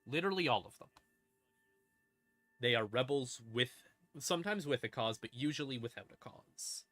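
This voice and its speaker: Speaking at a moderate pace in an animated, sharp mid-range voice, a man casually walks through game lore on a stream. His delivery is informal, with dry asides and dramatic emphasis, and creepy ambient music plays underneath.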